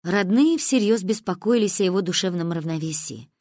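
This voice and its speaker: A woman narrating a family story aloud, acting out the quoted lines of the family members with big jumps in pitch. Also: animated, normal speed, a little mellow, no echo, studio quality. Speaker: audiobook narrator. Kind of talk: scripted narration with voiced dialogue.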